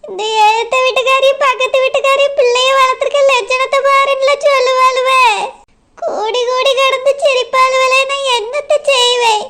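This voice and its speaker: A woman's voice: extremely high pitch, fairly even intonation, measured pace, heavy background noise. A woman playing a wailing village mother. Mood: wailing lament. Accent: Kanyakumari Tamil. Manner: sing-song wailing lament. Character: older village mother wailing over a runaway daughter. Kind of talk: village comedy-drama acting.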